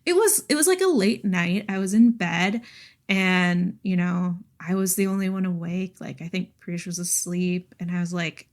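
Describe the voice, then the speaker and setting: This woman, co-hosting a podcast, chats casually about books, giggly and enthusiastic. Her pitch sits fairly low and she talks at a moderate pace.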